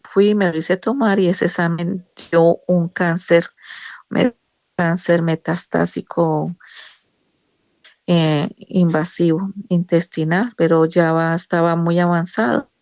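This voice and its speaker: A middle-aged woman, a nurse, giving a personal religious testimony in a halting, emotional way with many restarts. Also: fairly low pitch, fairly even intonation, a little mellow, no echo.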